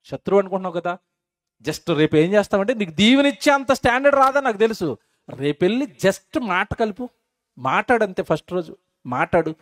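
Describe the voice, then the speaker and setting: A man's voice: high-pitched, very animated, fairly quick. A male preacher, delivering a sermon to a congregation. He keeps asking the listeners questions and answering them himself, and he repeats phrases for emphasis.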